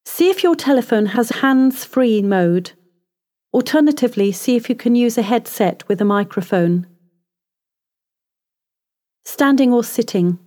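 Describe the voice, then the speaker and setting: Calm, slow-speaking woman voice coach. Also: fairly high pitch. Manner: calm, measured, instructive. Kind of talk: scripted instructional narration.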